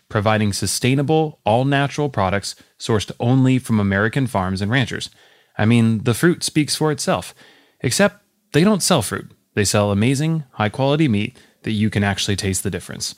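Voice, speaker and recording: Mann als Moderator, trockener Klang. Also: male voice, mid-range voice, no echo, studio quality. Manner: casual, upbeat. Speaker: host. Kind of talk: ad read and show intro.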